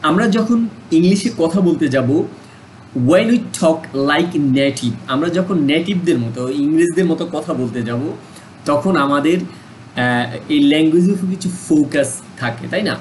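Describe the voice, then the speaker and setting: A man's voice: a little high, animated, moderate pace, slight background noise, poor audio. Bangladeshi man teaching English. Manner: mixes Bengali and English, repeats words for practice. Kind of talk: online lesson explanation.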